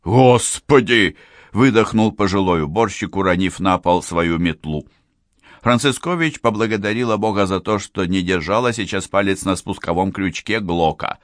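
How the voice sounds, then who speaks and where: A man reading a crime thriller as an audiobook narrator, measured and expressive. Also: low-pitched, no room sound, clean studio sound. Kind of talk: scripted narration.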